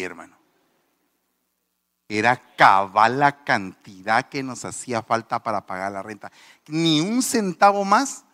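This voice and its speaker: A man's voice: mid-range voice, a bit bright, in a large hall. A man, a pastor, giving a testimony sermon, telling the story with animation and acting out the people in it.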